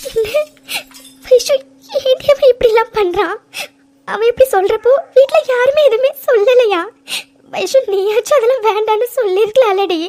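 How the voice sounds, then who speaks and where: A woman's voice: very high voice, normal speed, warm tone, a little hiss or hum. Woman voicing a tearful, pleading young woman. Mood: shocked. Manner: sobbing, stammering pleas. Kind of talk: cartoon voice acting.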